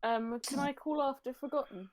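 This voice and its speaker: A woman chatting as a player in a tabletop game, tentative and halting as she searches for words. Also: high voice, slight background noise. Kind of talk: casual game chat.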